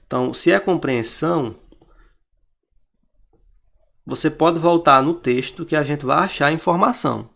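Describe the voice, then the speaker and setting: A Brazilian man teaching a class, talking through exam answers step by step. His voice sits a little high for a man and has a gravelly, creaky edge, and he keeps pointing things out as he goes. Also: brisk, a bit bright. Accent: Brazilian Portuguese.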